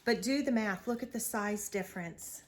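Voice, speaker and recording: A woman's voice: medium pitch, normal speed. Chatty Ohio woman showing her stitching bags. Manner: chatty, enthusiastic, laughs often. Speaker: co-host of a stitching video show. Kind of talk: casual chat showing purchases.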